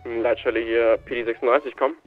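A man's voice: medium pitch, little pitch movement, fairly quick. A man playing a police officer in a game roleplay, answering over a walkie-talkie in matter-of-fact radio procedure. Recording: thin, phone-like radio line.

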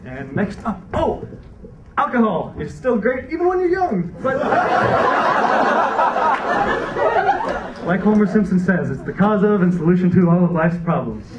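A young man does a stand-up set on a dark theater stage, his high voice swooping wildly in pitch as he speaks slowly and pauses often. He's wry and rambling, restarting frequently, into a handheld mic picked up by a far camera. The hall sound is roomy, distant and dull, with crowd laughter and heavy background noise.

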